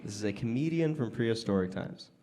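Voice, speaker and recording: An American man doing stand-up comedy with crowd work, talking conversationally to a club audience with pauses and emphatic punchlines. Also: on the low side, animated, dark tone. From Las Vegas, United States. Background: audience laughter.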